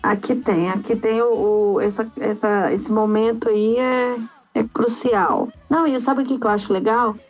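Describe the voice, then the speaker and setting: A woman chatting casually with friends, animated and quick to act out what her partner says at home. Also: a little high, faint music behind, poor audio. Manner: animated, acts out quotes from home life. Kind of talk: casual chat.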